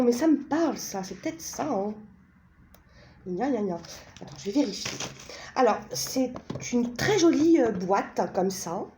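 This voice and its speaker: Woman, casual presentation, slow, hesitant, lots of fillers, chatty, self-mocking, mellow tone. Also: medium pitch, slight background noise. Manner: hesitant, full of fillers and tag questions. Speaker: vlogger presenting a pendulum and an oracle deck.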